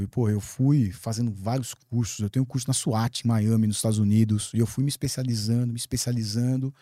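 A man from Brazil, a guest on a podcast, telling a story in a lively way. He swears freely and acts out his own past words. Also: medium pitch, dry recording, clean studio sound. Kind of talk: animated storytelling in a podcast interview.

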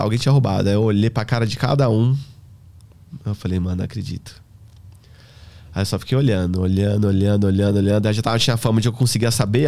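A man tells stories in relaxed podcast chat. He slips into the voices of the people he describes and leans on street slang. His voice sits at an ordinary middle pitch. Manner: animated, acts out dialogue with slang. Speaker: hair stylist guest. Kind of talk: casual podcast storytelling.

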